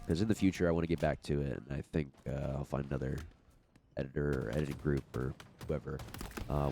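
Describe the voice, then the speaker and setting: A man with an extremely deep, dark and mellow voice, thick with congestion from a cold. He rambles in a loose, unedited podcast-style chat, full of fillers and restarts, as a young gaming host. A faint hiss sits under the voice. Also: vocal fry.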